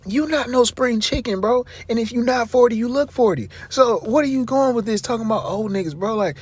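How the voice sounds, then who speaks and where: Man, vlogger commentary, husky voice, fairly high, exasperated, rambling. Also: fairly quick. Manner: talks straight at his subject, calling him bro. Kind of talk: casual commentary rant.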